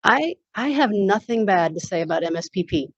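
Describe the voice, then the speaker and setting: With a medium pitch, lively intonation and a moderate pace, a woman responds to participants as a symposium speaker and network meeting host. Her answers during this informal panel are unscripted, and the audio is dull and lo-fi.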